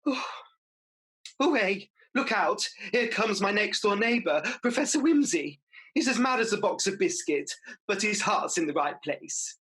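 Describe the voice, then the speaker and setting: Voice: mid-range voice, animated, measured pace, a bit bright. An actor playing a gossipy, hard-up mother as a pantomime dame in a radio play, with chatty comic patter. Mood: friendly.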